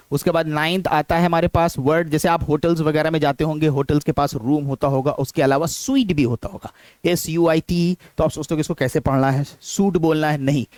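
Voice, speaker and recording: A young Indian-accented man teaches pronunciation in an explanatory classroom style and drills each word several times. His voice sits a little high, and the recording is close and dry, with no room sound. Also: a little mellow, no echo. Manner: explanatory, repeats words slowly for drills. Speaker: English teacher.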